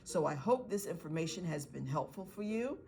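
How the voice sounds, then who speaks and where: A woman's voice: low voice, lively intonation, fairly quick, vocal fry, a little mellow. A woman teacher giving parents encouraging tips on reading and writing activities with their young children. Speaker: pre-K teacher. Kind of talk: instructional video for parents.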